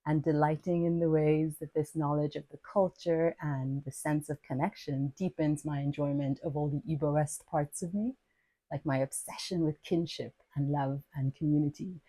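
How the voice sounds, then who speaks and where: Here a Nigerian podcast host reads a lyrical personal essay of her own, written in a playful, wordy, self-mocking voice. She speaks at normal speed in a low, mellow tone with fairly even intonation, on a dry, rough recording.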